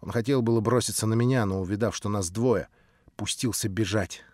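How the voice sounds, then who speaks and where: A man narrating a classic novel as an audiobook in a measured storytelling manner. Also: fairly low pitch, darkish tone, dry recording, studio quality. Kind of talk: scripted literary narration.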